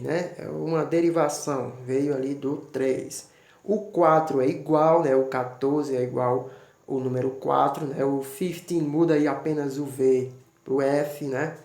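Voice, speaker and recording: Male teacher, fairly high voice, patient, spells things out, recorded in a roomy echo. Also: darkish tone. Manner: patient, repeats "né?" often, spells words out letter by letter. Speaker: English teacher. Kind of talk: explaining English numbers to students. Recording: echoey room.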